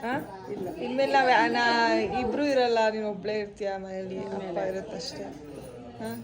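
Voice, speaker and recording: High-voiced teasing woman amid a loud crowd. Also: moderate pace. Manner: teasing, laughs often, coaxes relatives to cry. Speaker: vlogger interviewing family at a wedding. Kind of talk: casual handheld chat. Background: wedding guests chatting.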